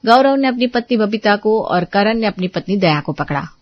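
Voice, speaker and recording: A woman's voice: mid-range voice, animated, normal speed, dry recording, lo-fi sound. A woman narrating a family storybook drama in a dramatic storytelling manner.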